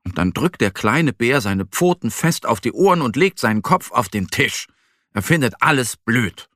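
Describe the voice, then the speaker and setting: A man gently and expressively reading a children's story aloud. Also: medium pitch, very animated, normal speed, dry recording, studio quality. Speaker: narrator.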